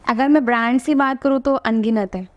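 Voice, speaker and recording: A confident young woman in her early twenties, a model and influencer, chats casually as a podcast guest in an interview, mixing English into her speech. Her voice is fairly high and brisk, and the audio sounds dull.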